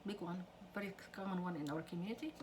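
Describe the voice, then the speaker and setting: A lowish, darkish female voice speaks fast against slight background noise. She is a middle-aged family counselor earnestly telling parents about conflict with teens, acting out what parents and teenagers say.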